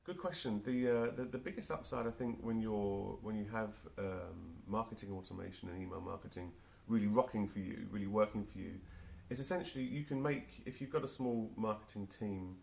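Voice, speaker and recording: This guest on a casual interview is a marketing automation specialist in his forties from England, speaking with a London accent. His low, gravelly, darkish voice comes out haltingly, full of fillers and restarts, and the recording carries a little hiss or hum.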